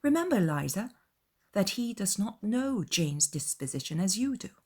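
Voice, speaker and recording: A woman voicing a pragmatic, unsentimental young gentlewoman giving matter-of-fact advice in a dramatized audiobook. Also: medium pitch, big pitch swings, normal speed, breathy edge. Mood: earnest advising.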